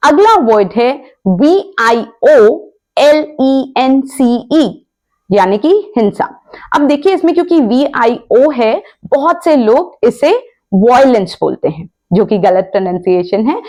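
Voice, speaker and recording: A woman's voice: on the high side, darkish tone. A woman teaching pronunciation in a patient lesson, spelling words out letter by letter and repeating each correction. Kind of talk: explanatory lesson.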